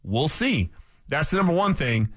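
A man co-hosting a sports talk show, arguing his points with emphatic, skeptical energy. His voice sits a little high and moves through a wide, animated range. The studio sound is close and dry. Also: normal speed, dry recording. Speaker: sports radio co-host. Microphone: studio microphone.

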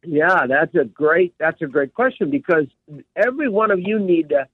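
A man's voice: fairly high pitch, expressive, moderate pace, breathy edge, no room sound, phone-quality sound. A man who is a professional coach, teaching as a guest on a radio interview, speaking with emphasis and repeating his key words.

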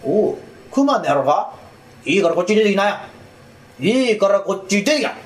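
A man voicing a gruff older Edo neighbor who scolds and teases bluntly in rough slang, in rakugo storytelling. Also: sits high, sing-song, normal speed.

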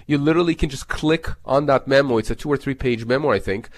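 A man with a mid-range voice speaks as a legal expert on a talk show. He explains step by step, leaning on important points and restating them so they are clear. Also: mid-range voice, fast. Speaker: lawyer, expert guest on a legal advice show.

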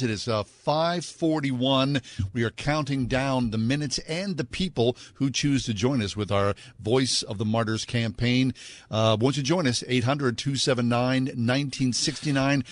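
A man's voice: mid-range voice, moderate pace, no echo. A man hosting live radio, making a folksy, direct fundraising appeal to listeners. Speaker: radio host.

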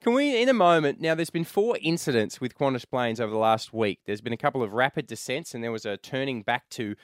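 A man's voice: mid-range voice, lively intonation, quick pace, no room sound, studio quality. A man with an Australian accent hosting breakfast radio, upbeat and teasing as he runs the segment. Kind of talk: comic radio banter. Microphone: studio mic.

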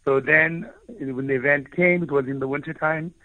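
The guest is an author from South Africa, Afrikaans being his first language, who tells his personal story earnestly and reflectively while frequently restarting his phrases in search of words. His voice is on the high side with fairly even intonation and a moderate pace. The audio is dry and tinny, like a phone line.

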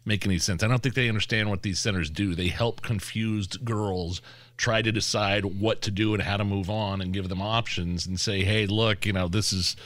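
A man's voice: fairly low pitch, steady tone, normal speed, fairly bright tone, no echo. A man co-hosting a talk show, giving opinions conversationally and acting out little rhetorical exchanges.

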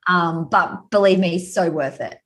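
A woman's voice: on the low side, a little slow. Gushing Australian woman chatting casually. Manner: gushing, informal. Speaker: podcast guest, happiness coach and speaker. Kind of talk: casual chat.

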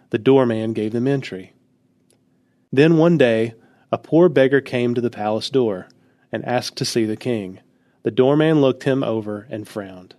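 Calm man reading a devotional story. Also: mid-range voice, dry recording. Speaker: narrator. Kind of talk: scripted devotional narration.

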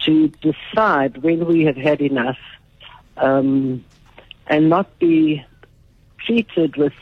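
Lady on a tinny phone line, husky voice, earnest and unhurried. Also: sits low, dry recording. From South Africa. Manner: earnest, unhurried storytelling with hesitations. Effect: heard over a phone line. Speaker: radio caller. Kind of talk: call-in phone conversation.

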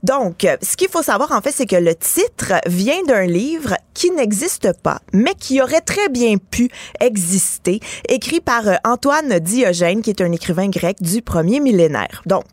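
A woman's voice: mid-range voice, big pitch swings, measured pace, hardly any pauses, dry recording. A woman with a Québécois French accent, a comedian presenting a novel on a radio show in a chatty, enthusiastic way. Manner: chatty, enthusiastic, many fillers. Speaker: comedian and book columnist. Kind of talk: radio book review chat.

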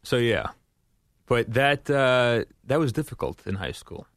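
A man's voice: medium pitch, animated, measured pace, no echo. A young man from Staten Island, a guest in casual studio chat, hesitant with many fillers and restarts. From Staten Island, New York. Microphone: studio mic.

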